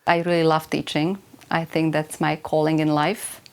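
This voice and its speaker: A Hungarian woman in her forties talks about teaching theater voice, her voice sitting low. She speaks thoughtfully and often pauses on fillers. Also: little pitch movement, smooth. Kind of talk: interview.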